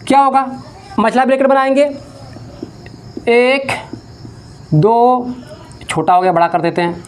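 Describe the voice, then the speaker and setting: A man with a very high voice gives a classroom-style maths lecture, dictating slowly and step by step. He asks questions and answers them himself, repeating key terms, and a little hiss or hum is audible.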